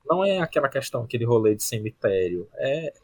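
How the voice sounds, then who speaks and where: A man on a podcast telling a story in a lively, anecdotal way during a casual chat. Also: medium pitch, fast, no echo. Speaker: podcast co-host.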